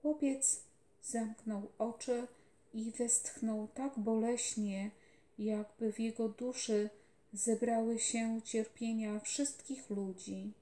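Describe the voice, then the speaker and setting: A woman reading a children's novel aloud at a calm, steady storytelling pace, recorded in an echoey room. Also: fairly high pitch, takes it slowly. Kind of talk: audiobook narration. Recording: roomy echoey home recording.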